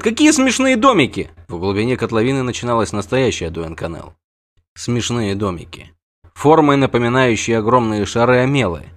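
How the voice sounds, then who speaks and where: A man narrating a fantasy audiobook in an expressive, varied reading. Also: lowish voice.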